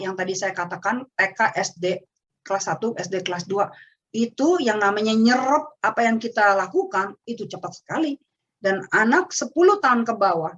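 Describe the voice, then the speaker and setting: A woman's voice: medium pitch, highs cut off. A woman giving an earnest parenting talk to parents over a webinar. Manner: earnest, addresses parents directly. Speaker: parenting speaker.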